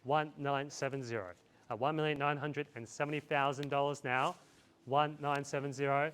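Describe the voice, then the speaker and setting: A man's voice: medium pitch, flat delivery, moderate pace, a bit bright, slight background noise. A man calling a live property auction outdoors, repeating bid figures in a chant and urging buyers on. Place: outdoors in a residential street.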